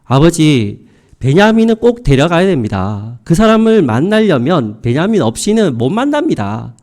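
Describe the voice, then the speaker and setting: A man's voice: fairly high pitch, very animated, normal speed, a little mellow. A man voicing grown sons who insist and plead with their father. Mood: insistent.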